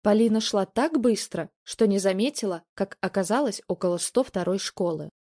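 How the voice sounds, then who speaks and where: A woman narrating a dramatic relationship story in a measured reading voice. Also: medium pitch, dark tone.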